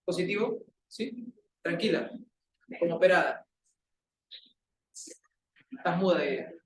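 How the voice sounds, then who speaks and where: A man's voice: high voice, expressive, slow pace. Playful Peruvian male teacher, echoey classroom. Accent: Peruvian Spanish. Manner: playful, teasing banter with students. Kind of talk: classroom lecture. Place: classroom with students. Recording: echoey classroom recorded from a distance.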